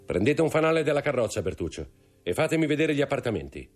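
A man's voice: mid-range voice, very animated, fast, faint music behind, pitched above the performer's own voice. A man voicing a cold, imperious nobleman who gives orders with cool irony. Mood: commanding. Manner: commanding, coolly ironic. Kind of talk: audiobook character voice.

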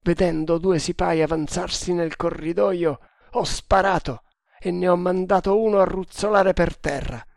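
A man doing a panicked high-voiced strangler ally. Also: steady tone, moderate pace, vocal fry, dry recording, clean studio sound. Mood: tense. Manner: high, shouted pleas. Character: frightened male strangler ally, urgent.

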